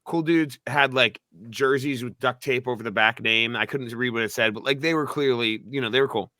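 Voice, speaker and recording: A man's voice: mid-range voice, a little fast, no room sound. Young guy on a podcast telling a wild story, lots of swearing, dry close mic. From New Hampshire. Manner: animated, swearing, acts out quotes loudly. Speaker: podcast co-host. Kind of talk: casual storytelling chat.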